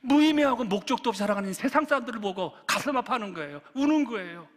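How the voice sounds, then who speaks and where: A male pastor preaches with fervor, his voice rising and sinking as he drives each point home. He speaks very high for a man, with a lively, swinging pitch. The sound trails off in a long church-hall reverb. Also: fast talker. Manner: impassioned preaching, rising and falling in force. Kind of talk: sermon.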